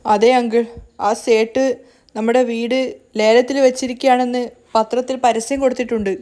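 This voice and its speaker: A distressed young man who breaks bad news in short, halting phrases, read by a woman in her own voice. The delivery stays fairly high and plain, like a story being retold. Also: little pitch movement, mellow, lightly acted. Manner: halting, hesitant.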